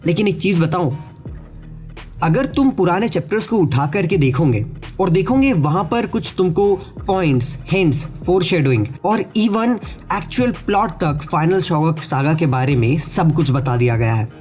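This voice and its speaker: Over soft background music, an anime theory YouTuber with a sore throat and stuffy nose delivers a separately recorded, casual explainer at normal speed. His voice is high-pitched, animated and darkish in tone. Chatty and talking straight to his viewers, he drops in English words.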